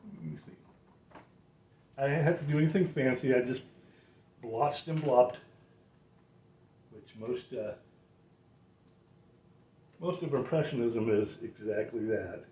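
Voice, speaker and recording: Slow and often pausing, this man in his sixties leads an informal painting lesson, muttering and poking fun at himself in a folksy way. His mid-range voice sits far from the microphone in a small curtained painting room, yielding a dull, roomy sound with faint noise.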